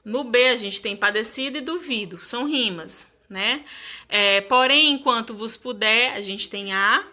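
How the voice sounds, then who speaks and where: A woman's voice: a little high, a little slow, bright, forceful tone. A woman teacher explaining a lesson to her students, asking them rhetorical questions as she goes.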